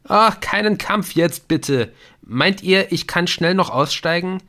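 A man's voice: mid-range voice, expressive, slow, fairly bright tone. A man voicing a pompous, lecturing know-it-all teenage boy in a German audiobook. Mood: pleading.

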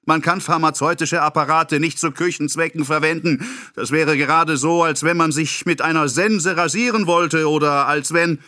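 A pompous, excitable middle-aged apothecary, put on by a male reader in an audiobook, ranting in a strained, raised voice well above the reader's own. He scolds breathlessly and with great self-importance. The sound is close and dry. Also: on the high side, slow pace, hardly any pauses, no room sound, pitched above the performer's own voice, heavily acted. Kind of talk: audiobook character voice.

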